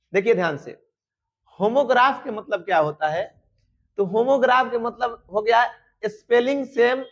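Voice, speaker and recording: A man teaching an exam-prep grammar lesson, repeatedly asking his students questions and answering them himself. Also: high-pitched. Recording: dull lo-fi sound.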